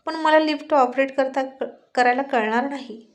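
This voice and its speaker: A woman's voice: high voice, moderate pace, natural voice. A woman voicing a stubborn but timid young wife who talks in a pleading, insistent way in a spoken story.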